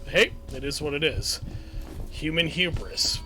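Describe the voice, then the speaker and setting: A man's voice: fairly high pitch, measured pace, background noise. A man giving casual, chatty let's-play commentary as he plays through a shooter game, often chuckling at it. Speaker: gaming channel host.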